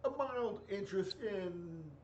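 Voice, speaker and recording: 40s guy rambling with lots of ums, higher voice, far off in an echoey room, muffled. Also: expressive, takes it slowly, darkish tone. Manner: hesitant, many fillers and restarts. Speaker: podcast co-host. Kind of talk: casual chat. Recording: distant echoey muffled mic with faint hiss.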